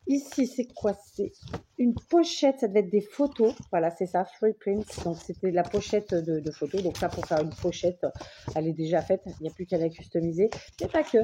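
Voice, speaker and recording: A woman's voice: on the low side, moderate pace, warm tone, a little hiss or hum. Chatty French woman gushing over paper bags. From France. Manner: enthusiastic, keeps saying she loves things; thinks aloud, restarts and trails off. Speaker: vlogger showing mail she received. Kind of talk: casual unboxing chat to camera.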